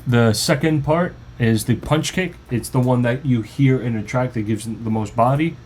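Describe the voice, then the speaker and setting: A man's voice: medium pitch, moderate pace, noisy background. Casual man walking through his track. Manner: loose, informal explaining with restarts. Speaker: music producer. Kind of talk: casual tutorial walkthrough. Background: faint music playing.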